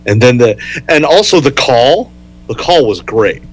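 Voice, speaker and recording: A man's voice: medium pitch, lively intonation, measured pace, low-quality recording. A man in a casual chat, eagerly adding his own memories of a shared event. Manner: eager, jumps in to add memories. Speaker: podcast co-host.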